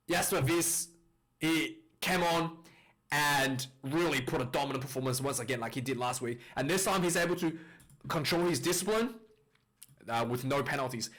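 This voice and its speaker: A man's voice: a little high, a bit bright. Man on a distorted clipping mic. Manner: rambling, many fillers and restarts. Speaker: rugby match reviewer. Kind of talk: casual video commentary.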